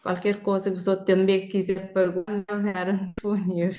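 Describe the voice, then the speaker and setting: A woman's voice: mid-range voice, little pitch movement, normal speed, dark tone. A woman from Portugal and Verde, a guest talking cheerfully and spontaneously, rambling with many fillers. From Portugal and Cape Verde. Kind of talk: live conversation.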